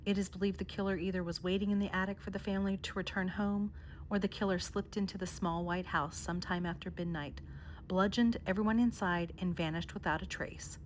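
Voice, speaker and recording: A woman vlogger narrating a countdown of haunted places in a measured storytelling way. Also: mid-range voice, fairly even intonation, slight background noise. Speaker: paranormal vlogger. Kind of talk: scripted narration.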